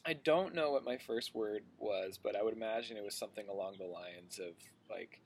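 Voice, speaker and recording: A man's voice: on the low side, fairly quick, a little hiss or hum. A young man from Maine chatting playfully as a guest in an interview. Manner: playful, joking, relaxed. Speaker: guest singer-songwriter. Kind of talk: casual interview chat.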